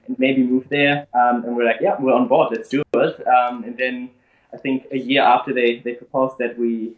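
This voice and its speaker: A man's voice: mid-range voice, little pitch movement, normal speed, narrow, tinny audio. A man in his twenties from Germany, a podcast guest chatting casually with many fillers and restarts. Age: 20s. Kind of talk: casual interview chat. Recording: roomy echo.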